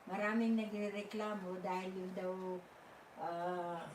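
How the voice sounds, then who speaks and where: An older woman hosting a live stream, telling a story casually and haltingly, with many fillers and restarts. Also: medium pitch, fairly even intonation, background noise. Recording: echoey room, mic at a distance.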